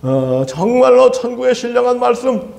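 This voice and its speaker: A man preaching a sermon as pastor, animated and laughing often, asking the congregation for amens. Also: very high voice, normal speed, vocal fry, reverberant.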